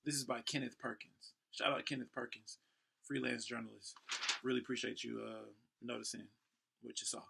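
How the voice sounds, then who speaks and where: This American man in his thirties from Houston, Texas, works as a host and professional event MC, reading aloud with playful, casual asides, ad-libs and shout-outs. His mid-range voice has vocal fry and little pitch movement at a normal speed, with background noise behind him.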